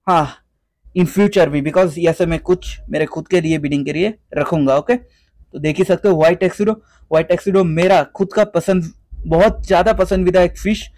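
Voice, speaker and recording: A man's voice: high-pitched, normal speed, a little mellow, no room sound. Chatty man showing off his fish. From West Bengal, India. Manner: chatty, repeats "theek hai" often; mixes English words into Hindi. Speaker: guppy breeder and seller. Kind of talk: casual vlog walkthrough.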